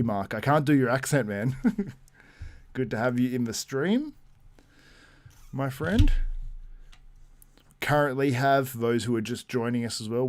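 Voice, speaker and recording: A man's voice: medium pitch, darkish tone, no echo. A man hosting a casual live-stream, chatting loosely and reading out viewer comments between laughs. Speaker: livestream host.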